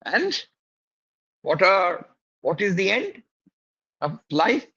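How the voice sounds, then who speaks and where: A man lecturing a class in a slow, drawn-out way, pausing often and asking his students questions. His voice sits high for a man. The recording is dull and lo-fi. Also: very animated, pushed and bright, breathy edge. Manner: slow, drawn-out explaining with many pauses and fillers. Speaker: teacher.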